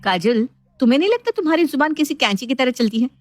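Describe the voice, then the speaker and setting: A woman voicing a fed-up young wife in an animated family story, sharp and exasperated. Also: high voice, fast talker, no echo, pitched above the performer's own voice. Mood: angry.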